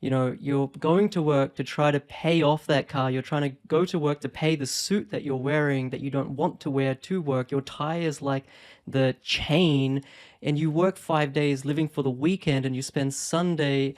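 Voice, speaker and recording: Pitched on the high side with fairly even intonation, his darkish, clear, resonant voice moves at a moderate pace. He's in his thirties, born in India and raised across New Zealand and Australia, and carries that accent as a property investment YouTuber. He talks upbeat and relaxed to a phone camera about investing, full of ums and small laughs.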